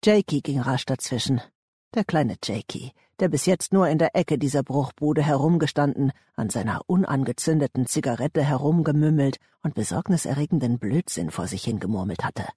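A man reading a thriller audiobook in a measured, tense storytelling manner. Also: medium pitch, lively intonation, dark tone, slightly rough, no echo, studio quality. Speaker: audiobook narrator. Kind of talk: scripted thriller narration.

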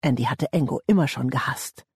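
A man reading a thriller audiobook in a measured, tense storytelling manner. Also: mid-range voice, a little mellow, slightly rough, no room sound, clean studio sound. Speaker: audiobook narrator. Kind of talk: scripted thriller narration.

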